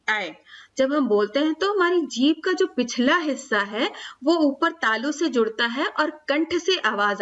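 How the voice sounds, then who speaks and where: A woman's voice: on the high side, fairly bright tone, recorded from a distance. A woman teaching grammar to schoolchildren, patiently saying each sound aloud and repeating it as she explains. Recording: dull lo-fi sound.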